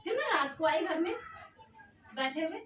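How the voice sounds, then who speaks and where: A woman preaching a sermon and telling a personal testimony, animated and acting out the dialogue. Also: extremely high pitch, moderate pace. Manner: animated, storytelling, acts out dialogue. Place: church. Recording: echoey church room, mic far off, noisy.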